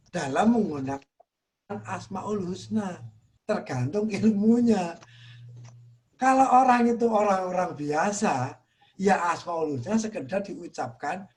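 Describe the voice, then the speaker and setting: An Indonesian man teaching in a religious study talk, earnest, softly repeating phrases for emphasis. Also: high voice. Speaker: Islamic teacher.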